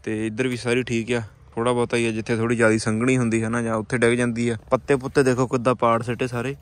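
Fast-talking Punjabi farmer in the fields. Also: male voice, medium pitch, little pitch movement. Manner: matter-of-fact, explains crop damage to viewers. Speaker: farmer vlogger. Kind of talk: casual vlog walking through fields. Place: outdoors in wheat fields.

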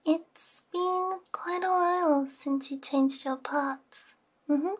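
This is a soothing, gentle ASMR roleplay: a young woman whispers softly and hums, close to a binaural microphone. Her high voice moves at an unhurried pace.

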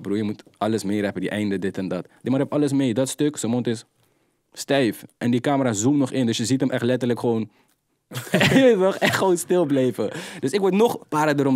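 A young adult man, a rapper guest telling street stories in animated, slang-heavy casual talk. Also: medium pitch, dry recording, clean studio sound. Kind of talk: casual interview storytelling.

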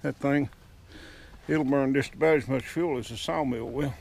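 A man's voice: medium pitch, normal speed, gravelly, a little mellow. A man, giving a casual walkaround tour of his sawmill yard outdoors, talking in folksy dialect into a head-mounted camera. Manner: folksy rural dialect with double negatives. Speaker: sawmill owner. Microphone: head-mounted action camera.

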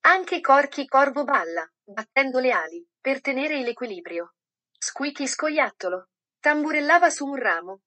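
Woman reading a storybook, slightly high voice. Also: pushed and bright. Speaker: audiobook narrator. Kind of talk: scripted storybook narration.

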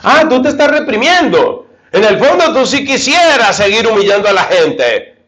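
A man's voice: high voice, sing-song, moderate pace, a bit bright, pitched above the performer's own voice. Man putting on a sly mocking tempter. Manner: teasing, wheedling. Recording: roomy, slightly dull recording.

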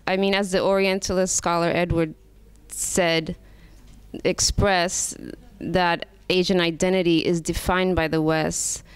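A young woman asking a careful, measured question from the floor of a panel, speaking into a handheld mic. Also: fairly low pitch, clear, resonant tone, no echo. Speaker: audience member asking a question.

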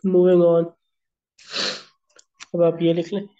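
On a screen-recorded voice-over, a slightly high-pitched man walks through a chemistry worksheet step by step, very slowly and in a monotone. His voice is clear and resonant though his throat is a little sore, and he mixes English terms into Hindi while addressing students as "beta." It sounds like a phone recording.

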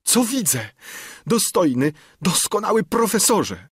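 An effusive older suitor, as a man puts him on in a storybook reading, his voice leaping high with delight. He talks in lively, swooping exclamations, a touch husky, in a dry room. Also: a little slow, no echo, full character voice. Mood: ecstatic, grateful. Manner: exclaiming, gushing.

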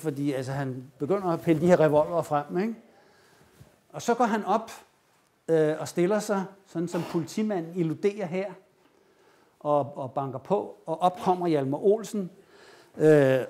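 A man giving a lecture, telling a story with animated retelling and acting out the quoted lines. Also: on the high side. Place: lecture room.

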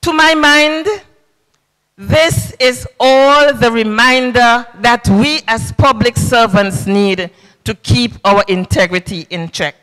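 At a podium in a large indoor hall, a government official preaches a sermon at a public service church service. Her fairly high, bright voice moves slowly and emphatically, with sing-song cadences and repetition, faint music behind. The handheld mic captures long reverb from the hall.

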